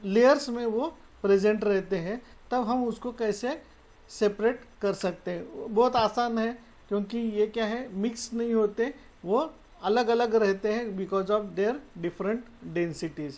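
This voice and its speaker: A woman speaks slowly at a medium pitch with a slightly mellow voice and a Marathi-influenced Hindi accent. She's teaching science in a classroom, walking through slides step by step, slipping in English terms and saying "okay" a lot as she explains.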